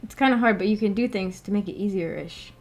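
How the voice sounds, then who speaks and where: A female livestreamer who hosts a book club chats casually with viewers, reading and answering their comments. She talks fast at a medium pitch, rambling, hesitant, and giggly.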